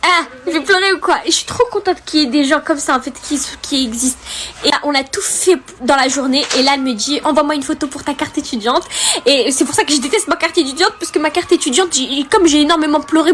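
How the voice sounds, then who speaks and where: A young woman telling an emotional story to her viewers in a casual vlog, animated and acting out the dialogue. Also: high-pitched, slight background noise. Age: young adult. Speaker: vlogger.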